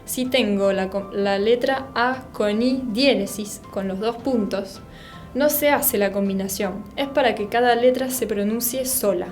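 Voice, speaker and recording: A woman teaching a French class, slowly and patiently spelling out letters and sounds. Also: fairly high pitch, soft background music. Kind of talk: recorded language lesson.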